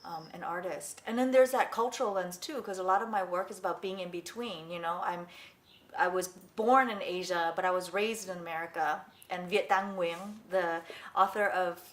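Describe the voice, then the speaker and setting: A woman in her forties, born in Vietnam and raised in Los Angeles, speaks in a lowish voice at a normal pace during an oral history interview about her life as an artist. She reflects thoughtfully, often restarting her sentences. The room is echoey, with faint background noise.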